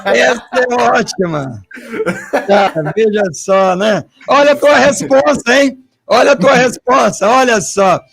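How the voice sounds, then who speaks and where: A man, a historian hosting an interview, asking long questions and thinking aloud in an animated way with rhetorical asides. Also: extremely high pitch, measured pace, gravelly, hardly any pauses. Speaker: host and historian.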